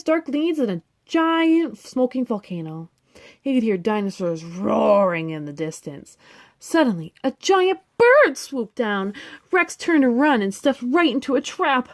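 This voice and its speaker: Parent-reader, woman, storybook read-aloud, lively pitch, dry close sound. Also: a little slow, no echo. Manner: animated, expressive, asides to listeners. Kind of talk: storybook reading.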